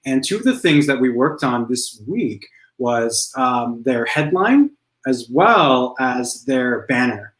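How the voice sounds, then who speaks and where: A man speaking as a career coach guest in a casual interview, relaxed and conversational, often tagging his points with a question. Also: mid-range voice, slow, echoey room, rough recording. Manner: relaxed, conversational, frequent "right?" tags.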